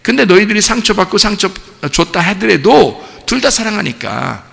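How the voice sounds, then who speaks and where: A man's voice: high voice, very animated, normal speed, gravelly, fairly bright tone. A male pastor giving a chatty, storytelling sermon, often throwing rhetorical questions to the congregation. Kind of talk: conversational sermon. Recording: long hall reverb.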